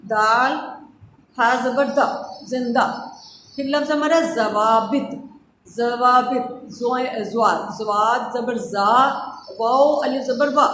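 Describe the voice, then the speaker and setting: A woman teacher with a Pakistani Urdu accent, giving a grammar lesson to children and spelling words out letter by letter with emphatic corrections. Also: high voice. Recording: echoey room with faint ambient noise.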